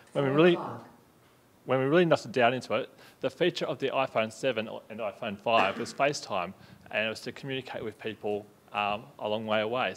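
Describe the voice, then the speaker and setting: A male student explaining his classmate's purchase in a measured way. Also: medium pitch, fairly bright tone. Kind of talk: reporting back in class.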